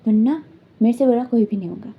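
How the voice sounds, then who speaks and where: A woman voicing a stern male tutor who speaks in a curt, calm way. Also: fairly high pitch, brisk, vocal fry, husky, narrow, tinny audio, full character voice. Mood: cool. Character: stern older male tutor, cool and teasing.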